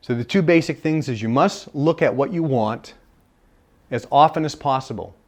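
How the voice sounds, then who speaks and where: A man's voice: mid-range voice, moderate pace. A man speaking at a live self-help seminar in a conversational way, repeating phrases for emphasis.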